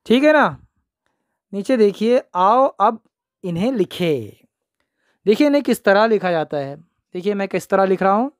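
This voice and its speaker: A man's voice: high-pitched, no room sound, clean studio sound. A man teaching young children the alphabet, repeating each word and answering his own questions.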